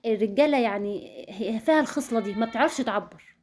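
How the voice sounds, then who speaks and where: A woman's voice: a little high, fast, darkish tone, slight background noise. A woman with an Egyptian Arabic accent giving earnest marriage advice, speaking straight to her listeners and repeating words for emphasis. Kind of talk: advice talk to viewers.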